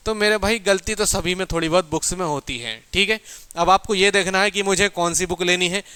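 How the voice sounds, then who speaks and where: It's a smooth recording without room sound of a bright, high-voiced man who coaches exam students. In a casual motivational lecture he talks emphatically and colloquially, firing off questions and supplying the answers.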